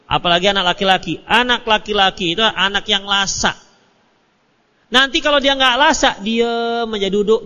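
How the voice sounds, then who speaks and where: A male Islamic preacher giving an animated study lecture, answering questions and acting out little dialogues with joking asides. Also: high-pitched. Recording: muffled hall recording with long echo.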